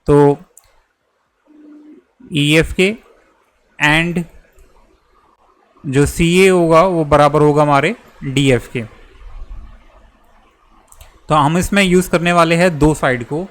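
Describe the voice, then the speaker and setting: A man's voice: on the high side, a bit bright. A young man, patiently walking students through a geometry proof step by step, often checking in as he goes. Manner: patient, repeats and checks with "theek hai". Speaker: maths teacher.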